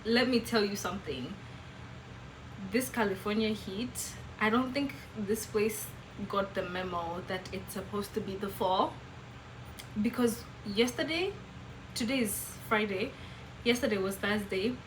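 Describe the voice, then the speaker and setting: A woman with a Kenyan accent, hosting a casual vlog and chatting to the camera with lively, emphatic jumps in her voice. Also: medium pitch, noisy background. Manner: animated, expressive, with sudden emphatic jumps. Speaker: vlogger host.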